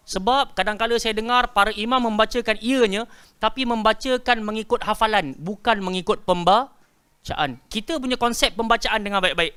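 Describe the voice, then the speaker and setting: Bright high-voiced Malaysian male Quran teacher. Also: smooth. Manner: drills pronunciation, stretching words slowly and asking pupils to repeat; quizzes pupils by name and praises answers. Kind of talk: teaching Quran recitation to a class.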